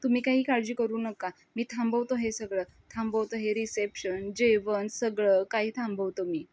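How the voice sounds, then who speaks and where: A woman's voice: a little high, level tone, normal speed, close to an everyday voice. Woman reading a tearful grieving young man. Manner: tearful, soft.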